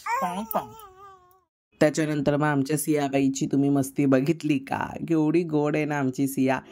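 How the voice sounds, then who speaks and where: A woman's voice: low-pitched, level tone, fairly quick, dark tone. A woman home vlogger chatting casually, teasing and cooing at a toddler in playful baby talk.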